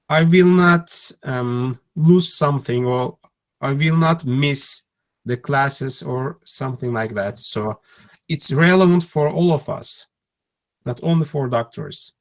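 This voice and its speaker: A man with a Turkish accent teaching an online English lesson, speaking haltingly with fillers and repeating himself. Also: a little high.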